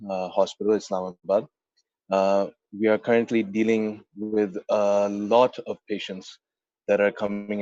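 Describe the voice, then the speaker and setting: A man's voice: lowish voice, darkish tone, no echo. A man with a Pakistani accent, speaking as a doctor giving a talk over a video call. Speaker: intensive care doctor, guest speaker. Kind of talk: prepared talk on an online meeting. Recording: dull, lo-fi video call audio.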